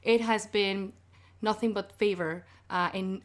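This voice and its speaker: Woman, Venezuelan accent, Spanish first language, podcast guest, animated storyteller, quick laughs. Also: medium pitch. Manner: animated, laughs often, acts out quotes. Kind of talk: casual chat. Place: podcast recording.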